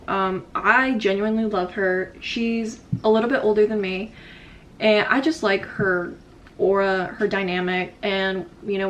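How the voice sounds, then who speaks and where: A young woman chatting casually through a life update while doing her makeup, rambling with lots of "like" and restarts. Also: medium pitch. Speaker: vlogger. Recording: slightly distant mic, faint room noise.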